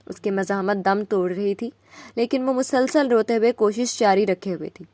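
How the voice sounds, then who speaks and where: A woman reading a romance novel aloud as a steady audiobook narrator. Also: mid-range voice, dry recording.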